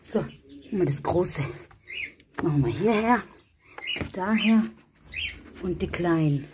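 A woman's voice: on the low side, expressive, takes it slowly, noisy background. A woman vlogging casually while feeding her cats and other animals, calling to them in a sing-song voice. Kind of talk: casual vlog talk to animals and viewers.

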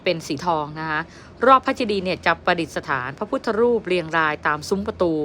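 A woman touring a temple on camera, explaining each spot with a friendly guide tone and soft polite endings. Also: fairly low pitch, expressive, quick pace. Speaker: travel vlogger guiding a temple visit. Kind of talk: casual travel vlog narration. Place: outdoor temple grounds. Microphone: handheld phone camera. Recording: noisy outdoor ambience with passing vehicles.

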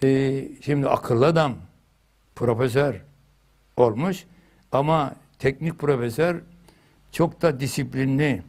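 An older man teaching a religious lesson, telling stories with lively energy and loudly chanting phrases for emphasis. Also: medium pitch, slow pace, pauses often.

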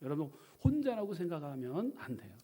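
A man preaching a Sunday sermon in a voice sitting a little high for a man. He reads scripture slowly and forcefully, loud on each call to the congregation. Between those he slips into relaxed, conversational remarks. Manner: preaching with emphatic surges in volume, slowing for scripture readings; warm conversational asides to the congregation. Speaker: pastor.

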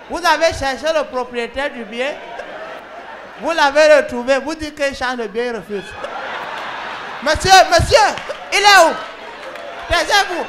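A woman with a Cameroonian French accent playing an excitable, scolding female emergency call operator in a comedy sketch, talking to callers on the phone. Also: high-pitched, background noise. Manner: scolding, excitable, often laughing and shouting. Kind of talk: comic sketch, one side of phone calls.

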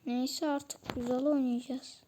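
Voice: high voice, level tone, slow, warm tone, a little hiss or hum. A channel host giving casual commentary while playing a shooter game, chatting to viewers and grumbling about weapons.

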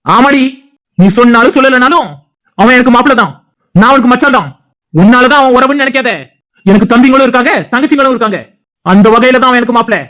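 A woman's voice: on the high side, fast talker, pauses often, a bit bright, lightly acted. A woman with a Tirunelveli Tamil accent voicing an angry husband in a cartoon, who scolds his wife in a heated, insulting way while defending his brother. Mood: angry scolding. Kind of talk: cartoon dialogue acting.

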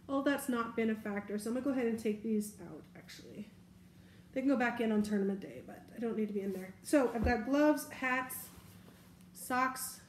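A woman's voice: a little high, darkish tone, reverberant, a little hiss or hum. A woman in her forties chatting casually on camera while she unpacks a bag at home, thinking aloud. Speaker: vlogger. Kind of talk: casual what's-in-my-bag chat. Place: bedroom at home, indoors.

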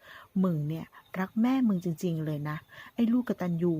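A vengeful, foul-mouthed gunman, put on by a woman narrator in a drama retelling. He drawls out his contempt slowly, in a husky, lowish voice. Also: dark tone. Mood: taunting. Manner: snarling, contemptuous threats. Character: menacing gun-wielding man, vengeful and crude.

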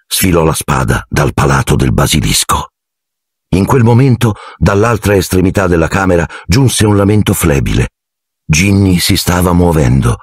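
A man narrating an audiobook in a dramatic, expressive reading. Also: a bass voice, breathy edge, no echo, studio quality.

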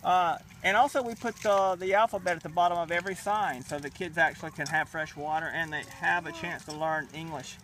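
Walking past a village well and a small new house, a middle-aged man from a charity films a casual vlog on a handheld camera. His voice is a little high, steady and fairly bright, and he talks a little fast with hardly any pauses, sounding enthusiastic and thankful. There is slight background noise.

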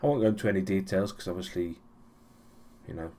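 Fast and low with a dark tone, this young European vlogger rambles through a casual recap of his week. He keeps stumbling into ums and restarting sentences, all delivered with dry sarcasm.

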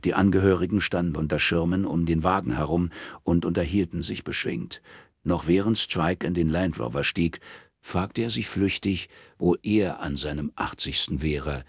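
A man reading a crime novel aloud in calm, measured scripted narration. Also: low voice, husky, no echo, clean studio sound. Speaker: audiobook reader.

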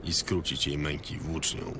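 A man playing a calm, terse monster hunter in a video game. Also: rumbling low, unhurried. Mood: calm, grave. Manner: calm, terse, matter-of-fact. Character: calm, stoic monster hunter advising a king. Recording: game ambience noise behind.

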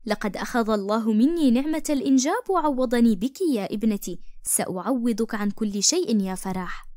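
Woman voicing a gentle, caring adoptive mother. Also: fairly high pitch, fairly quick, dry recording, clean studio sound, close to an everyday voice. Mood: tender. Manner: gentle, tender, worried.

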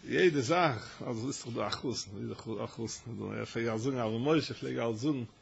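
A man giving a Torah lesson as a rabbi, telling stories with halting restarts and rising to loud, emphatic stretches. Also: mid-range voice, creaky. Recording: dull lo-fi recording with faint noise.

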